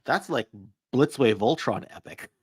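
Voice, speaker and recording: A man's voice: mid-range voice, expressive, a little slow, husky, dry recording. A man speaking as a guest on a casual show, with a mid-range voice. He mostly chimes in with short, agreeable replies. His voice is recorded dry, with no room sound. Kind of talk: casual chat.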